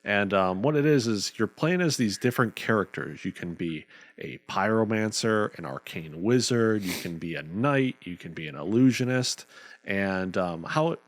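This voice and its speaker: A young man co-hosting a casual board game podcast, giving short agreeing replies and explaining game rules at a steady pace. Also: on the low side, moderate pace, dry recording. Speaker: podcast co-host. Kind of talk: casual chat about board games.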